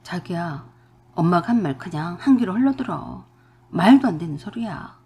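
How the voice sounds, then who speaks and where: A young husband caught between wife and mother, curt and exasperated, put on by a woman reading a radio drama. The voice is husky with a lively pitch. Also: moderate pace, exaggerated voice. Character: irritated young husband, defensive son.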